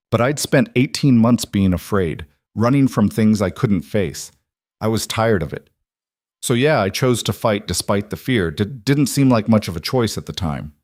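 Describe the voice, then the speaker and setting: A man's voice: lowish voice, animated, normal speed, darkish tone, dry recording, clean studio sound. A man voicing a young woman bodyguard who speaks tersely and directly. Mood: firm.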